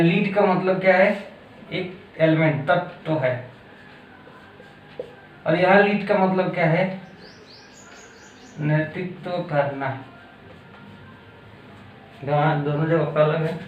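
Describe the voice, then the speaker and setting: A man with an Indian accent teaches a grammar lesson, speaking very slowly and deliberately and checking in often. His voice sits a little high for a man. The recording is echoey, with a faint hum of background noise. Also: fairly even intonation, narrow, tinny audio. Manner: slow, deliberate explaining with frequent checks like "okay?". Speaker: English teacher. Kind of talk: classroom-style grammar lesson mixing Hindi and English.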